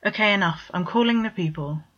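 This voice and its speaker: A woman's voice: medium pitch, a little fast, fairly bright tone, close to an everyday voice. A woman voicing a suspicious, foul-mouthed young man who is short with his brother, on a dull lo-fi recording. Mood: impatient. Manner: blunt, gruff, swearing.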